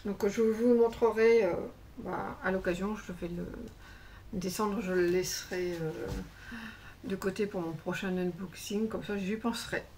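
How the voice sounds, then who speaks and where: A woman's voice: medium pitch, steady tone, a little slow, a little mellow. Chatty woman vlogger, faint hiss. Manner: chatty and rambling, many fillers and self-corrections. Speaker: craft vlogger. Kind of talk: casual haul chat to camera.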